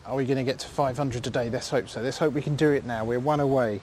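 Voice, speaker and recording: A man's voice: mid-range voice, fairly even intonation, quick pace, a little mellow, a little hiss or hum. A man hosting a casual live stream from a field, chatty and thankful, rambling with fillers. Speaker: livestream host. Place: outdoors in a field.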